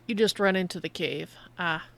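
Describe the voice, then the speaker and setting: A woman's voice: on the low side, normal speed, creaky. A woman streaming a game, giving casual live commentary and often muttering to herself.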